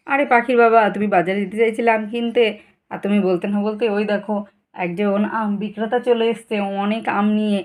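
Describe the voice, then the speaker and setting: A woman's voice: mid-range voice, fairly even intonation, natural voice. A woman voicing an eager village mother who coaxes and bargains in a chatty way. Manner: quick, coaxing and chatty.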